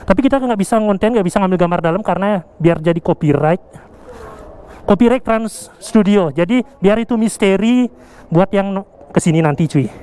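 A man's voice: sits high, moderate pace, warm tone, smooth. A man with an Indonesian accent giving casual, slangy vlog commentary, joking and exclaiming as he goes. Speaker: vlogger. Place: indoor theme park, action camera worn or held. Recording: music behind the voice.

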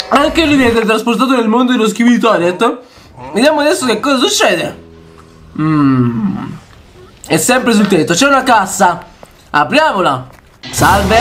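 A young man doing excited reaction commentary on a video as a YouTuber, often shouting and laughing. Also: very high-pitched. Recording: background music under the voice. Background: background music.

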